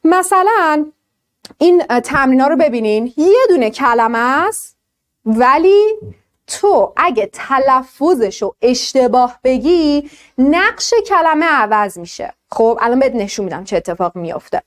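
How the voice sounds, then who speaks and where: A woman with a high-sitting voice teaches an online English class, lively explaining pronunciation and asking her students questions.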